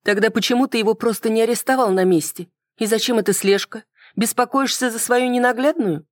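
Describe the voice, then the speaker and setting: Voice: mid-range voice, a little fast, no room sound, clean studio sound, pitched above the performer's own voice, close to an everyday voice. A reader voicing a sarcastic young woman in an audiobook, with teasing, exasperated questions. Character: sharp young woman, sarcastic academy curator. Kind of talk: audiobook dialogue.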